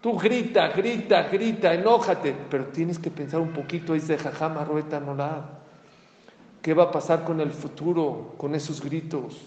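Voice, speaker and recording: A man's voice: on the high side, steady tone, normal speed, dark tone, slight background noise. A man giving a sermon as a rabbi, asking rhetorical questions and rising to emphatic outbursts. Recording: echoey hall, faint ambience.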